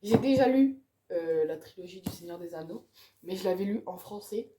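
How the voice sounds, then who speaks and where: Over some background noise, a woman with a lowish voice and lively intonation speaks at a moderate pace about her reading pile. The book vlogger is chatty and enthusiastic, ending phrases with "quoi."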